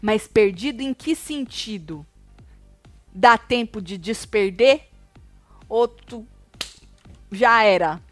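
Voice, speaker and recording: A woman's voice: medium pitch, no echo, faint music behind. A woman with a Brazilian Portuguese accent hosting a live gossip show, chatting casually and reading out viewer comments. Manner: lively, quick shifts between reading comments and chatting.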